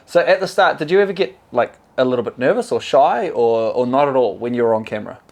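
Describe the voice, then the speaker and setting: A man's voice: medium pitch, lively intonation, fast talker, vocal fry. A man hosting a casual interview, upbeat and encouraging, often repeating words as he talks. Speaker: host.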